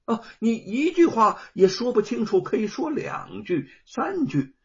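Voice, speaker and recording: A man voicing a composed scholar who answers his accusers in a ringing, gently mocking voice. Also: very high voice, sing-song, a little slow, gravelly, breathy edge, voice pushed up, full character voice. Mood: self-assured. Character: confident male scholar-author defending himself. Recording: dull lo-fi recording.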